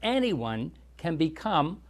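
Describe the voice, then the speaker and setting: At an unhurried pace, a man with a fairly high, sing-song voice hosts a classic movie show. He interviews young guests in a friendly, explanatory way and keeps asking them follow-up questions.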